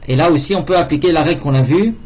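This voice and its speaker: A man's voice: fairly high pitch, racing, a little mellow, husky. A man teaching a language and religion class, patiently repeating words to drill their pronunciation. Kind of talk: slow classroom lesson with repetition.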